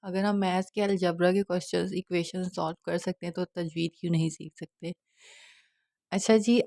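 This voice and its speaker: A woman teaching Quran recitation in an online lesson, patient and reassuring, often checking that the listener follows and drawing out each letter sound slowly with stress. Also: mid-range voice, dark tone, dry recording, clean studio sound.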